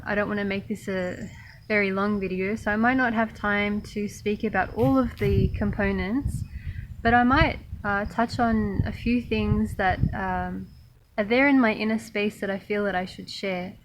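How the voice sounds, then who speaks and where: A woman raised in Australia, talking thoughtfully to camera about her spiritual path, pausing often with fillers. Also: mid-range voice, fairly even intonation, slight background noise, low-quality recording. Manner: slow, thoughtful, many pauses and fillers. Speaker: spiritual monastic vlogger. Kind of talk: reflective personal talk to camera.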